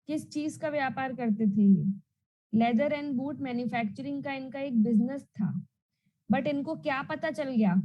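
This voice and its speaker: A woman teaching an online class, loudly and emphatically and repeating questions so students answer back. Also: high voice, highs cut off. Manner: repetitive question-and-answer drilling; loud and emphatic.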